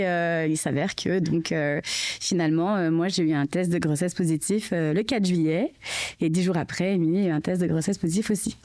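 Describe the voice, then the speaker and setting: Her voice is fairly low and a little mellow as this French-accented podcast guest, mother of triplets, shares her story casually. Chatty and full of fillers, she keeps saying "tu sais" throughout the interview.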